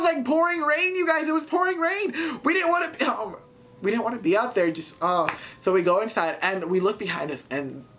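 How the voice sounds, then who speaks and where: Excitable teen girl telling a story. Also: mid-range voice. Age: teens. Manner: excitable, animated retelling with many fillers. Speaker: vlogger. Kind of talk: casual storytime.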